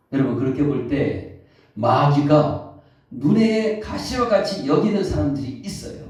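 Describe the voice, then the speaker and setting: A man preaching a sermon as pastor, questioning the congregation and answering himself, reading scripture slowly. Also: high-pitched, warm tone. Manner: reads scripture slowly and deliberately. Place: church sanctuary. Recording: echoey hall, distant, dull mic.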